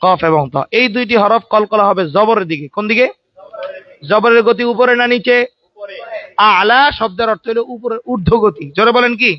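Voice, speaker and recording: A religious teacher runs a Quran recitation lesson, calling on students to answer aloud and dropping in colloquial jokes. His voice sits high and he speaks briskly. The recording is dry and dull, lo-fi, with no room sound.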